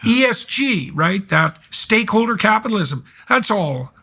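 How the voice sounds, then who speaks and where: A man's voice: high voice, sing-song, a little slow, creaky, pushed and bright. A middle-aged man hosting a podcast, talking in emphatic, sweeping, sardonic commentary. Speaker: host. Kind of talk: podcast conversation.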